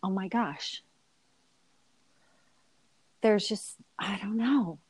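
A woman's voice: medium pitch, extremely slow, darkish tone, husky, no room sound. A woman in her forties, a mother telling a chaotic family story as an interview guest, laughing often and acting out her own quotes.

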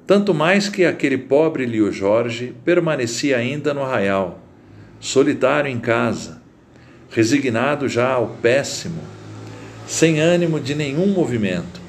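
Guy reading a story out loud, real slow, pitch rolls up and down a lot. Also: a little hiss or hum. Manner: slow, deliberate, expressive reading. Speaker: narrator.

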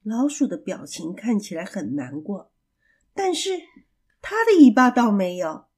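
A woman storyteller reading a children's story aloud in an expressive, animated way. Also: medium pitch, unhurried, husky.

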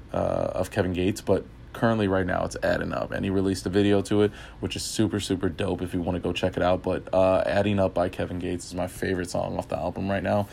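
A man's voice: low-pitched, vocal fry, dark tone, a little hiss or hum. A man hosting a casual music podcast, rambling with many fillers, and he has the hiccups. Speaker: podcast host. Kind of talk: casual music review chat.

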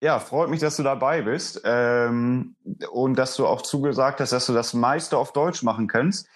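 Relaxed male podcast host. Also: medium pitch, a little slow. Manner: relaxed, chatty, frequent fillers. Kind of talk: casual interview chat.

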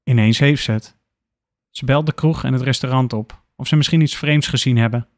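Steady male storybook narrator. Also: medium pitch, a little fast, no room sound, clean studio sound. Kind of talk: audiobook narration.

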